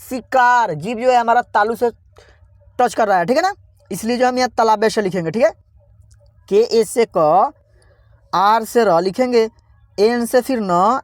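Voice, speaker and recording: A man teaching beginners online, spelling out words slowly and repeatedly asking viewers how to read them, calling them friends. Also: very high voice, no room sound, studio quality. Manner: slow, repetitive spelling-out, constantly quizzing viewers. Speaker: English teacher. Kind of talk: online beginner lesson, reading words aloud.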